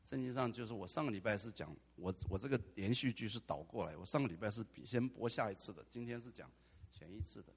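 A man preaching a sermon as pastor, animated, with dramatic asides. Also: lowish voice, quick pace, breathy edge. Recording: long hall reverb.

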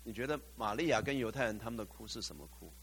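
A man's voice: on the low side, animated, fast, fairly bright tone, breathy edge. A male pastor preaching a sermon, putting questions to the congregation, slipping in English phrases and rising to fervent exclamations.

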